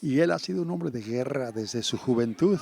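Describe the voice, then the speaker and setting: Brief: preacher playing a dismissive older king in a sermon retelling, scornful and gravelly. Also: mid-range voice, expressive, moderate pace, a little mellow. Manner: mocking, scornful.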